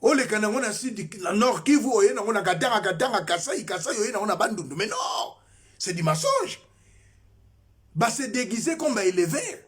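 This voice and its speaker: Man, high husky voice, fiery political rant, rallies the crowd. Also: big pitch swings, moderate pace. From Congo, Kinshasa. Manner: agitated, exhorting, bursts into shouting. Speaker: political commentator.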